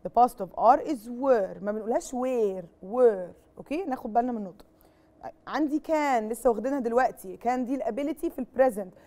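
Slightly mellow and on the high side, her voice carries an Egyptian Arabic accent through a televised classroom lesson on English grammar. Moving back and forth between Arabic and English, she poses questions, supplies the answers herself, and slows to spell English words out one by one.

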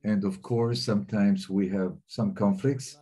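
A man with a fairly low, slightly rough voice simultaneously interprets talks at a remote webinar. His pace is steady and measured, with a few hesitations.

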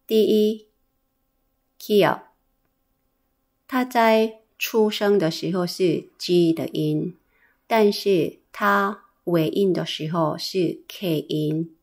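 A woman's voice: fairly low pitch, slow, a little mellow. A woman teaching a pronunciation lesson, enunciating carefully and repeating each drilled syllable. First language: Korean. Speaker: Korean language teacher.

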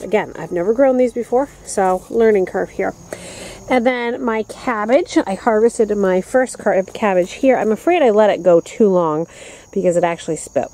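A gardening vlogger in her thirties from upstate New York gives a chatty, upbeat tour of her backyard vegetable garden, walking and pointing at plants while filming handheld at arm's length. Her medium-pitched voice is mellow. The low-quality recording has slight background noise, with crickets and insects.

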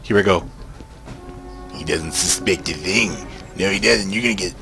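A young man commenting casually on a game he is playing, joking and swearing in excited outbursts. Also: low voice, moderate pace, vocal fry, over music. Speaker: gaming channel host.

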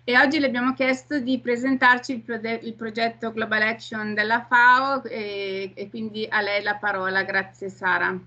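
A woman's voice: on the high side, flat delivery, moderate pace, few pauses, sharp tone. A middle-aged woman moderates an online conference over a video call, introducing speakers. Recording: slightly dull video call sound.

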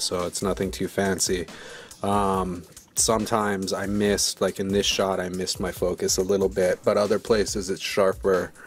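A man giving a relaxed, rambling voice-over about his video, full of fillers and restarts. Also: low-pitched. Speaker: video maker. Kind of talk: casual voice-over commentary.

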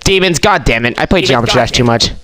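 A man's voice: mid-range voice, expressive, fast talker, a bit bright. A young man streaming a game, chatting casually and joking with a friend. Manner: joking, playful. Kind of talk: casual gaming chat. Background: game music.

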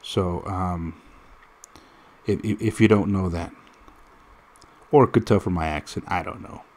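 Playing a mobile fighting game, a man from the United States in his thirties chats and wanders through stories, blunt and constantly restarting. He speaks low-pitched and a little slowly, with a darkish tone.

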